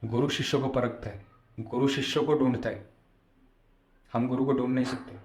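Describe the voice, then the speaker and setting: A man's voice: mid-range voice, steady tone, normal speed, darkish tone, slight background noise. A man giving a devotional discourse as a spiritual storyteller, explaining and repeating phrases for emphasis. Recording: echoey room sound.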